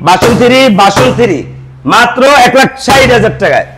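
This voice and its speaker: A man with a very high-pitched voice and a Bangladeshi Bengali accent works through a showroom sales pitch. He is a used motorbike salesman who lists selling points and prices in a practised patter, item after item. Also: lively intonation, a little fast, noisy background.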